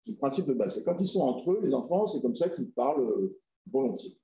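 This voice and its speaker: A man's voice: mid-range voice, very animated, fairly quick, dark tone, roomy sound, slight background noise, rough recording. A man giving an academic conference talk, explaining patiently and often adding little fillers like "hein" and "voilà". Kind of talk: academic presentation.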